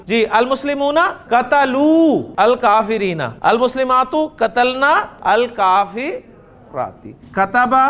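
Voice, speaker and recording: A man's voice: very high-pitched, a bit bright. A man from Pakistan, giving a classroom grammar lecture and drilling students with questions. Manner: deliberate, drills students with questions, spells out sounds slowly. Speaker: Arabic grammar teacher.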